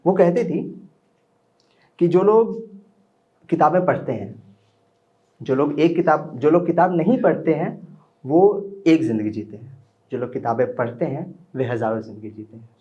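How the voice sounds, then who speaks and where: A man's voice: a little high, expressive, normal speed, pauses often, muffled recording. Young man telling a story at an open mic. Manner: conversational, chatting with the audience between lines. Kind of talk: live storytelling performance. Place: small indoor open mic venue.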